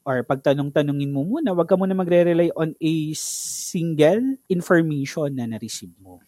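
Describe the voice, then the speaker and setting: A man's voice: a little high, moderate pace, dark tone, dry recording, clean studio sound. A Filipino-accented man chatting casually as a podcast co-host, slipping English phrases into his talk. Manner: chatty, mixing English into Tagalog.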